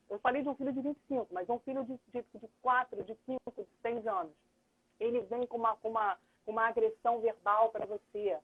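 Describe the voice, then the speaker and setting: Middle-aged woman, earnest lawyer-mediator guest, husky, heard over a phone-like live stream. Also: on the high side. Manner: earnest, thinks aloud, acts out dialogue. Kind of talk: explanatory live chat. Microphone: phone or computer on a video call. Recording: tinny phone-like livestream audio.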